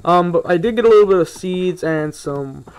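A man's voice: high voice, moderate pace, a little mellow, clear, resonant tone. A young man giving casual, rambling commentary while he plays a video game, often sidetracked and grumbling in asides. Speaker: gaming video host. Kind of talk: casual let's play commentary.

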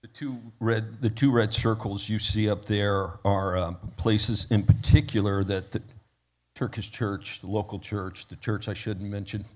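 A man preaching a sermon in a church, telling a story with rising intensity and praying softly. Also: fairly low pitch. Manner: storytelling with rising intensity, then soft prayer. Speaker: pastor. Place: church sanctuary.

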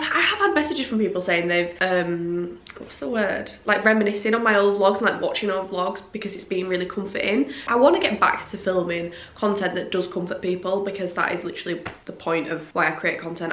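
A young woman chats to her camera at home, loose and rambling, with lots of fillers and false starts. Her voice sits a little low for a woman. The bare room around her rings with echo. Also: fairly bright tone. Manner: chatty and informal, lots of "like" and restarts. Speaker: vlogger. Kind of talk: casual chat to camera. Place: bedroom or living room in a house, indoors.

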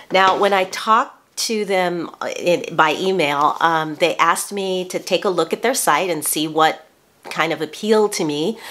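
A woman's voice: on the low side, a bit bright. A woman in her sixties hosting a casual product review vlog from a bedroom, chatty and prone to restarting her sentences. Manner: chatty, with frequent restarts and self-corrections. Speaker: beauty vlogger. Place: small bedroom, indoors.

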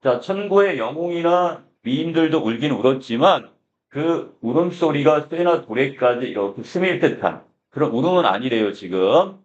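In a dull, lo-fi lecture recording, a man with a fairly high voice and lively intonation teaches a literature class at a normal speed. He explains a classic prose text line by line, opening most phrases with the filler "so."

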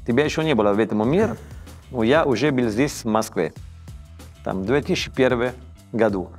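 An animated, mid-range voice belongs to a fifty-something Italian chef chatting in Russian during a relaxed interview in an armchair on a dark studio set. He stumbles, restarts and hunts for words while faint music plays.

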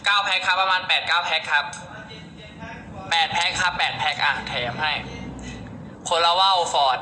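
A man's voice: sits high, brisk. A man chatting casually on a live stream, reading out viewer comments and selling pork, playful and joking, with a Khmer-speaking background. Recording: echoey room with background noise.

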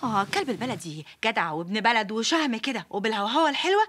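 A woman's voice: a little high, expressive, fast talker, lightly acted. An actress with an Egyptian accent playing a fussy, alarmed woman who lectures about dog bites. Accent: Egyptian Arabic. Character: fussy know-it-all woman giving odd advice. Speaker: Rania, the worried wife. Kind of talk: sitcom acting.

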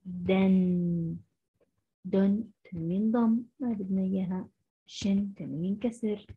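A woman teacher, giving a first-grade phonics lesson and sounding out syllables slowly. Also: medium pitch, slightly rough. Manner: slow, syllable-by-syllable sounding out of letters. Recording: muffled lo-fi recording.

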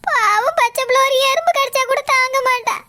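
Woman doing a worried cartoon big sister, whiny and pleading, super high and sharp. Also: fairly quick. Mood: distraught. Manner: lamenting, pleading. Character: elder sister Saroja, young woman, anxious and tearful. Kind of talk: cartoon voice acting.

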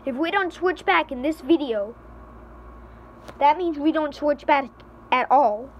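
A high-voiced teenage girl acting out a comedy skit for her vlog. She talks slowly and panics, pleading and yelling for help. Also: dull audio, slight background noise. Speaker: vlogger.

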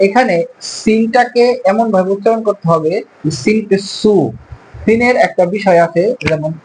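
A man giving an Arabic pronunciation lesson, explaining calmly and drawing out each syllable as he models the sounds. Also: sits high, a little hiss or hum, low-quality recording. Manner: slow, careful, drawn-out syllables when modelling sounds. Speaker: Arabic teacher.

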